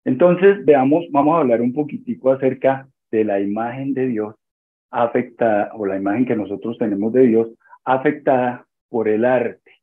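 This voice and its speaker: A man with a husky, slightly breathy voice teaches a church discipleship class to an online group. He speaks in a measured way, often restating a phrase or pausing to find the right word. The sound is thin and phone-like, as on a video call. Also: medium pitch. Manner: measured, restates phrases and pauses to search for words.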